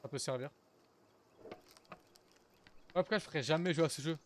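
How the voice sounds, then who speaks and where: Here a young streamer with a fairly high voice speaks at normal speed, with slight background noise. While playing a survival game, he chats informally with his viewers and swears from time to time, giving casual live commentary.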